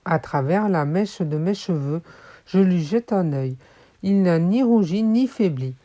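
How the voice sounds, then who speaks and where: A woman narrating a children's audiobook in a calm, measured storytelling voice. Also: fairly low pitch. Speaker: audiobook reader.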